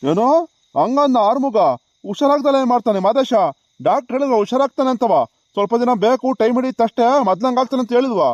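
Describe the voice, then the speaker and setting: Cartoon elder, voiced by a man: old grandfather, chiding, very high, fast, dry. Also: a little mellow, no room sound, muffled recording. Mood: scolding. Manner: chiding, lecturing with repeated "ha". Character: old village grandfather, scolding and reassuring.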